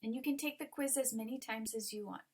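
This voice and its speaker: A woman's voice: fairly high pitch, fast talker, a little mellow, breathy edge. A woman ESL teacher walking students through an online lesson, explaining patiently with many ums. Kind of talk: recorded online lesson walkthrough.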